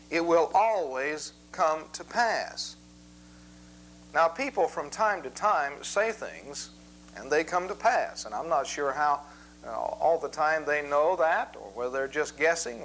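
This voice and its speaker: A man gives a Bible lesson in a measured, methodical lecture, reading scripture aloud. His voice sits a little high for a man. A faint hum runs under the recording. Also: fairly bright tone, poor audio. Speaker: Bible teacher.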